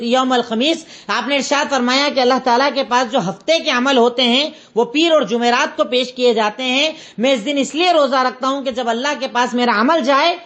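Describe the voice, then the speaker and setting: A woman with an Indian Urdu accent gives a religious lesson in a high voice. She goes step by step and says her references twice so they sink in. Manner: explains step by step, repeats references. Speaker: religious teacher. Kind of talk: Islamic lesson lecture.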